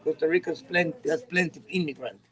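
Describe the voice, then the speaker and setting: High-voiced man telling an emphatic story. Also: quick pace, fairly bright tone, poor audio. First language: Spanish. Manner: emphatic storyteller with non-native grammar. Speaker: guest. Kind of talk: casual chat.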